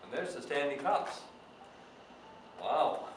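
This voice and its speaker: A man's voice: mid-range voice, animated, takes it slowly. A man playing Santa Claus as a jolly, folksy storytime host, reading storybooks aloud to children with chatty asides. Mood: jolly, playful. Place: echoey indoor room, away from the mic. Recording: very echoey room, distant mic, faint noise.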